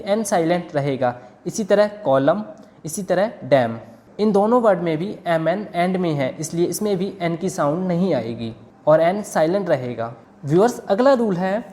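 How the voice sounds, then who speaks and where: Mellow-voiced woman teaching slowly. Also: lowish voice. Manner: slow, careful spelling out of letters. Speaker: English teacher. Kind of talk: lesson explaining silent letters.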